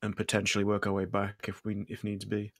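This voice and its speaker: A man's voice: fairly low pitch, monotone, brisk, no echo. A man playing a tabletop game, chatting casually with dry teasing. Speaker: player.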